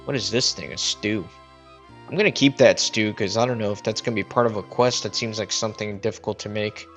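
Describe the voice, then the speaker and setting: While playing a game on stream, a man with a lowish, slightly bright voice keeps up casual live commentary, thinking aloud. His cheap headset mic gives a muffled sound, like talking into a cup.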